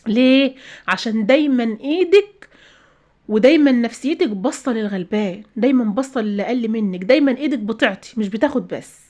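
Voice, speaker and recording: Fast-talking Egyptian woman giving emphatic advice. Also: a little high, darkish tone. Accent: Egyptian Arabic. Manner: emphatic, repeats phrases, preachy. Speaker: channel host. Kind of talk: casual advice talk to viewers.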